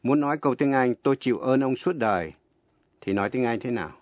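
A man teaching an English lesson on the radio, speaking slowly and spelling words out letter by letter. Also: medium pitch, dry recording. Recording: dull lo-fi radio broadcast.

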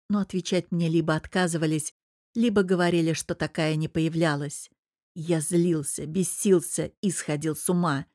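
A woman with a lowish voice narrates a novel in the first person for an audiobook. Her reading is measured and even. The recording is close and dry. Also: no echo.

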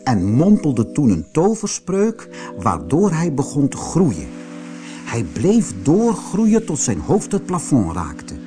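A man reading a fairy tale aloud as a storyteller, slow and very expressive. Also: fairly high pitch, music in the background.

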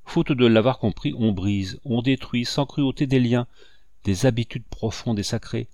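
A man voicing a gentle, grieving father in a storybook reading, earnest and tender as he lectures his nephew. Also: mid-range voice, moderate pace, dry recording, studio quality, close to an everyday voice.

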